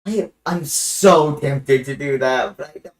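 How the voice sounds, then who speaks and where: A young adult streamer chatting casually on a livestream, halting with frequent restarts and joking in a deadpan way. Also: medium pitch, slight background noise, low-quality recording.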